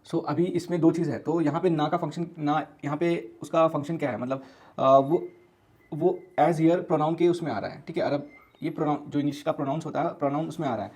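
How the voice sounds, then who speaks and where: A man's voice: on the high side, a little mellow. A man giving a casual online lesson, explaining step by step with many repeats and fillers, mixing in English words. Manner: mixes English words into his talk; recites scripture slowly and melodically. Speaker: teacher.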